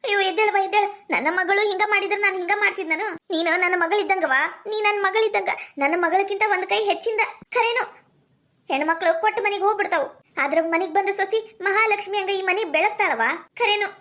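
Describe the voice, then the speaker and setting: Brief: woman doing a doting old village mother-in-law, very high and shrill, North Karnataka accent, quick, coaxing. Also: a bit bright. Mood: tender. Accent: North Karnataka Kannada. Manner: coaxing, fond scolding. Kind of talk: village comedy skit.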